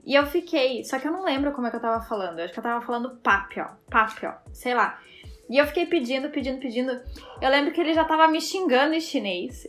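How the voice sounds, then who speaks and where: A woman with a fairly high voice chats as an interview guest, spinning anecdotes and breaking into laughter as she goes. Faint music plays softly behind her. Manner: chatty storyteller, laughs while talking. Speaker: guest, fashion designer. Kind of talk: casual interview chat.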